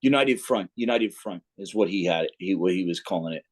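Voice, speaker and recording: A man's voice: low-pitched, a little fast. A man with a New Jersey accent, an interview guest telling stories casually, swearing a lot and acting out what people said. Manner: profane, animated storyteller acting out quotes. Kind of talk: casual storytelling.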